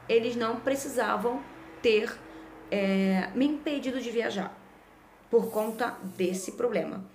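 A mother and vlogger with a Brazilian Portuguese accent tells a personal story in a casual storytelling vlog, chatty and lively with frequent "né?" tag questions. Her voice is medium-pitched, and the recording is reverberant with a little hiss or hum.

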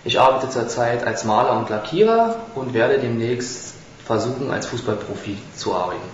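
A man in his twenties giving a halting, rehearsed self-introduction at a casting interview, in a small room on a handheld mic. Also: medium pitch, animated. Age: 20s. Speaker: model contestant. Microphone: handheld mic held by interviewer. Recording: echoey room, slightly dull, faint hiss.

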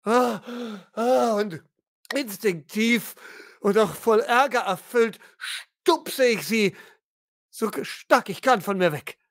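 A player speaking in first person as their character, intense and halting, often dropping to a hush. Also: mid-range voice, lively intonation, no echo, clean studio sound.

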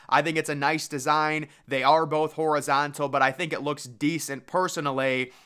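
A young man talks through ballpark designs in a casual, opinionated voice-over. His voice sits a little high and rings bright and clean. He thinks aloud, judging each design as he goes. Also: clear, resonant tone. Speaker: baseball stadium commentator.

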